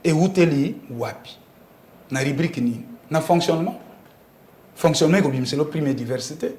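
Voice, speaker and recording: Slightly high and a little mellow, the man's voice moves at a moderate pace through a reverberant space. With a Congolese accent, he explains politics emphatically as an interview guest, often asking rhetorical questions.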